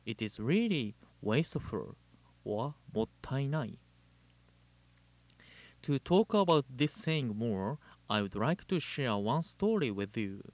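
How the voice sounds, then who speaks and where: A man from Japan with a Japanese accent, a Buddhist minister giving a measured, deliberate Dharma talk and telling a story. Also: medium pitch, big pitch swings, dry recording. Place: living in Hawaii.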